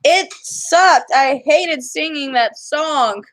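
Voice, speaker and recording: A woman's voice: high voice, slow pace, fairly bright tone. A young woman chatting casually for her vlog, rambling and cutting herself off mid-sentence. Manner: chatty, rambling, self-interrupting. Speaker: vlogger. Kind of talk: casual chat.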